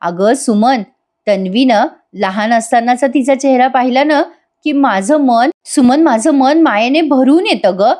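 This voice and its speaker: A woman's voice: sits high, measured pace, a little mellow. A woman with a Marathi accent voicing an emotional middle-aged mother who longs for her lost daughter, in a TV serial recap. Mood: tender.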